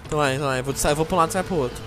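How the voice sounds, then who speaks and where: A man chatting excitedly while gaming, often shouting in alarm. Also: fairly high pitch, very fast. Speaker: gamer. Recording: game music behind.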